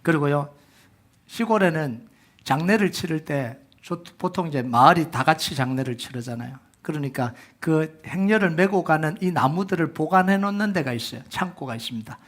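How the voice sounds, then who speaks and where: Male pastor, high-pitched, animated sermon storyteller. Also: normal speed. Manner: animated storytelling, swings from loud exclamations to hushed whispers.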